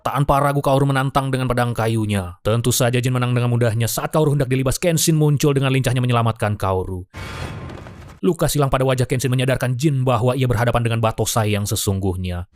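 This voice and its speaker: A man's voice: mid-range voice, quick pace. A man narrating a film plot as a scripted story, in a dramatic but informal storyteller's manner.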